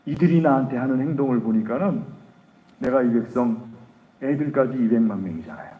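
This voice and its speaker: Animated male pastor preaching in an echoey church. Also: mid-range voice, fairly quick, far from the mic. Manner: animated storytelling, swings between loud bursts and hushed asides. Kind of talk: sermon. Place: church sanctuary. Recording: echoey church hall, slightly dull.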